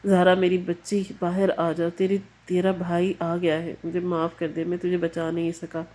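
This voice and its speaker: A woman's voice: lowish voice, completely flat delivery, darkish tone, lightly acted. A woman voicing a beaten young male farmer who pleads desperately for his lost sister in a narrated story. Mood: pleading.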